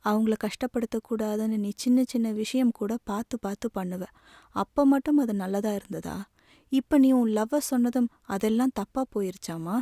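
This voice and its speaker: A woman's voice: on the high side, normal speed, dark tone, dry recording, studio quality, close to an everyday voice. A woman voicing a caring, teasing teenage younger sister who questions her brother in a tearful, pleading way. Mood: gently reproachful.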